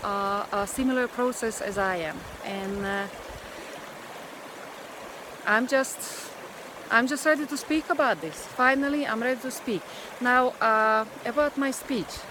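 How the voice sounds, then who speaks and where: This casual outdoor vlog features a woman speaking English as a non-native, Hungarian-accented speaker, slightly high in pitch. Filmed on a handheld device at arm's length, her halting, filler-heavy talk competes with the noise of a rushing river.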